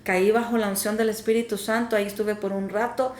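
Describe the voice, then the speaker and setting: A woman's voice: medium pitch, flat delivery, a little fast, a little mellow. A woman co-host earnestly sharing her personal testimony, hesitating often with fillers. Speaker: podcast co-host. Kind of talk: casual faith talk, personal testimony. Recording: echoey room, faint ambience.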